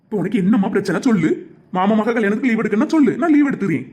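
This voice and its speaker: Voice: mid-range voice, expressive, rapid-fire, a little mellow, natural voice. A performer voicing a patient young married son in a cartoon, reasoning and pleading in a Tirunelveli Tamil accent. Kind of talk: cartoon voice acting.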